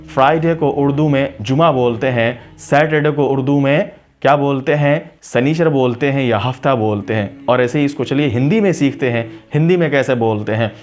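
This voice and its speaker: A man teaching a spoken English lesson to video viewers, speaking formally and courteously, repeating each word slowly for pronunciation practice. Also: medium pitch, darkish tone.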